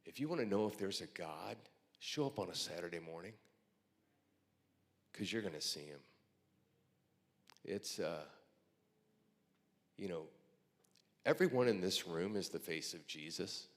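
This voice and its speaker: Speaking in a low, expressive voice at a measured pace, this pastor pauses often while sharing heartfelt stories at a breakfast gathering. He is an earnest storyteller who sometimes turns quiet and emotional, and the hall adds a long reverb.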